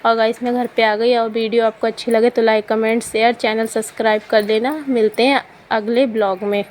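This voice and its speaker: Young woman vlogger, voice-over, chatty and casual, highish voice, fairly flat delivery. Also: moderate pace, slight background noise. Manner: chatty, pointing viewers to the footage. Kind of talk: casual vlog voice-over narration.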